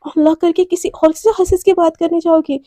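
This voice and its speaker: A woman voicing a jealous, possessive young woman who gives firm, low commands to her girlfriend in a storybook romance. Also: fairly even intonation, brisk, dark tone, no echo, studio quality.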